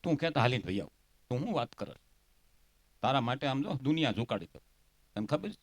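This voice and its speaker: A man telling jokes and stories on stage in an animated way, quoting his characters and landing punchlines. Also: medium pitch, fast talker. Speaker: folk comedian and storyteller. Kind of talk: dayro stage comedy storytelling.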